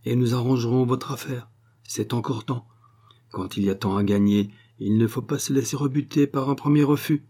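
A man's voice: mid-range voice, moderate pace, mellow, slightly rough, natural voice. A man voicing a scheming foreign woman spy, brazen and wheedling.

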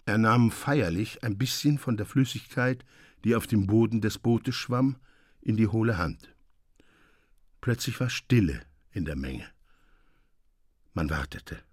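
A man's voice: on the low side, breathy edge, dry recording. Male narrator reading a story, dry sound. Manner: measured, expressive storytelling. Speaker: audiobook reader. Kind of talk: literary narration.

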